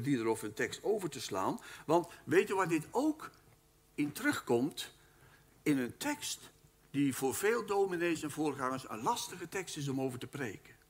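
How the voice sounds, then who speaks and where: A man giving a Bible teaching lecture at a live event, speaking in an animated, emphatic way and addressing his listeners formally. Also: fairly high pitch, slightly rough. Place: live talk at a weekend event.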